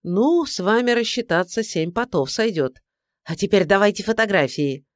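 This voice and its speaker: A woman's voice: medium pitch, animated, moderate pace, no room sound, voice pushed up, natural voice. A woman voicing a weary sardonic detective. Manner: dry, tired, grudging. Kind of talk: audiobook character voice.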